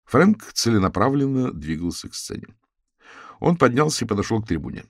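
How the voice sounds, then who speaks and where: A man narrating a humorous detective audiobook in a steady, wry storytelling manner. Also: medium pitch, fairly quick, dry recording, clean studio sound.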